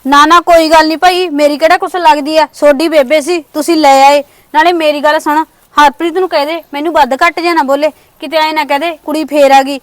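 A woman's voice: high-pitched, steady tone, fairly quick, hardly any pauses, close to an everyday voice. A woman playing a touchy married daughter who is blunt and picks faults when visiting her mother's home. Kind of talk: village family short film acting.

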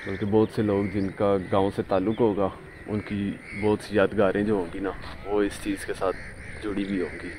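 A man's voice: lowish voice, little pitch movement, normal speed, noisy background. Chatty young man touring his village. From Pakistan. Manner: chatty, talks straight to viewers. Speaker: vlogger. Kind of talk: casual vlog tour. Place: outdoors in a hot village. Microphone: handheld camera.

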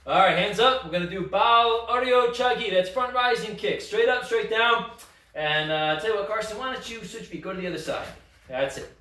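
A man's voice: sits high, expressive, fairly quick, pushed and bright. A man teaching a martial arts class, calling out commands and counts. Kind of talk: class instruction. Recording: echoey room, mic far off.

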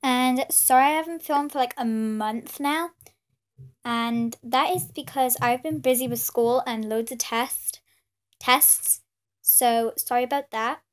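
Here a British teen pet-channel host, high-voiced and congested from a cold, rambles apologetically and with plenty of fillers, though at a measured pace. The casual haul vlog is shot from above, showing her hands at an indoor table with Christmas decorations.

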